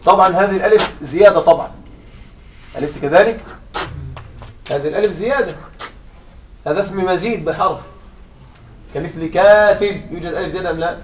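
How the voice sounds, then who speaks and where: A man with a high voice teaches a grammar lesson, patiently walking through each point and asking if the class is following. He sounds set back from the microphone, with a faint hiss under the voice. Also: quick pace, long pauses, recorded from a distance. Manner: patient, checks understanding with repeated questions.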